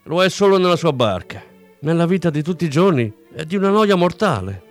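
A woman's voice: lowish voice, sing-song, brisk, faint music behind, voice pushed up. A man reading aloud, voicing a plaintive woman who pleads and sobs. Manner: plaintive, sobbing. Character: tearful woman in love, sulky.

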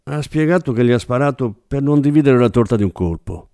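A man narrating an audiobook in a steady, measured way. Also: mid-range voice, smooth, dry recording, clean studio sound.

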